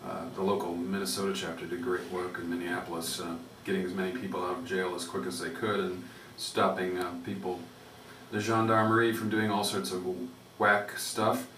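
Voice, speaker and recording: Low-voiced man hosting public radio, roomy and noisy. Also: level tone, moderate pace, a bit bright, distant mic.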